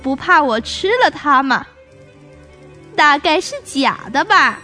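Gullible greedy tiger for a storybook, loud and blustering, as a woman puts him on. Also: high-pitched, expressive, slow pace, faint music behind, voice pushed down, full character voice. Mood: puzzled. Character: greedy big male tiger, boastful and gullible.

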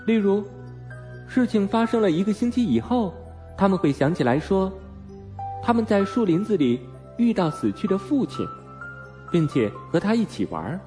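Male storybook narrator, slightly high voice, very animated delivery, faint music behind. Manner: expressive, slow storytelling. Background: soft music.

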